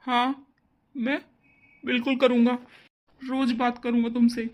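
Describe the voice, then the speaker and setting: Woman doing a young cartoon husband, gentle, reassuring, fairly high voice. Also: level tone, measured pace, close to an everyday voice.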